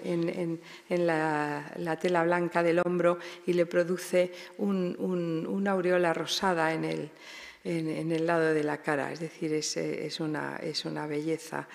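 A woman lecturing on art history in a large palace hall, at a lectern microphone. Her voice has a gravelly, creaky edge and a middle pitch. She pauses often with fillers and checks in with her listeners, while a long hall reverb trails each phrase. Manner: hesitant, frequent fillers and tag questions. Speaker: lecturer, exhibition curator.

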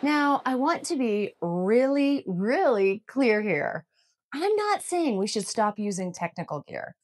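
A woman in her thirties, an outdoor vlogger, delivers an earnest, emphatic scripted explainer to camera from an indoor home room lined with bookshelves. Her voice is fairly high and very animated, she takes it slowly, and she gestures with both hands.

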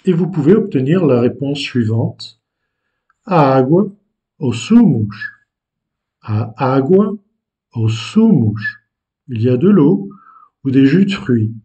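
A male language teacher explains words at an unhurried, deliberate pace. His voice is mellow and dark, and he pauses and hesitates between phrases. He keeps a patient, explanatory manner throughout. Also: mid-range voice, big pitch swings, highs cut off. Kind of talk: explaining vocabulary to learners.

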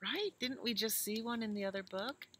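Outdoors in a leafy garden, an American librarian in her sixties holds storytime, reading a picture book to young children with simple explanatory asides and questions. Her voice is fairly high and sharp, at a normal speed, with slight background noise.

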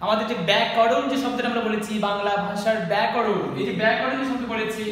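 High-voiced male teacher in echoey room. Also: fairly even intonation, fast talker, a bit bright. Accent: Bangladeshi Bengali. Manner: explains step by step, asks and answers his own questions. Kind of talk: board lesson for students. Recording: echoey room from far off, faint hiss.

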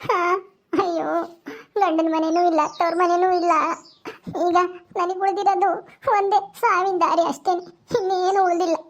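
A woman's voice: extremely high pitch, flat delivery, normal speed, pauses often, voice pushed down. A sorrowful village wife, as a woman acts her out. She laments with frequent sighs and hums of grief. This is a homespun village comedy skit. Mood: lamenting. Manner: tearful, lamenting, sighs often.

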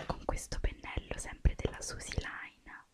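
A young woman whispering softly through an ASMR roleplay as a makeup artist, gently guiding the listener step by step. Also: unhurried.

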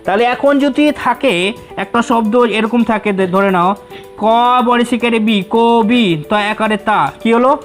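A male teacher giving a reading lesson, repeating syllables slowly to drill pronunciation and addressing his students familiarly. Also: very high-pitched, fairly even intonation, faint music behind.

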